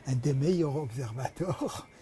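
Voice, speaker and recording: A man hosting a bookshop event, introducing a guest speaker in a halting manner. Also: mid-range voice, animated, a crowd in the background. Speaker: bookshop host.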